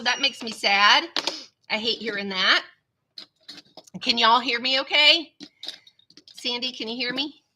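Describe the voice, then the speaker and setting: Hosting a live stream from her home computer, a woman with a drawl rambles in a chatty, friendly way and keeps calling her viewers "y'all." Her voice sits on the high side, bright and forward, slightly nasal because her nose is stuffy and congested, and a small webcam picks it up.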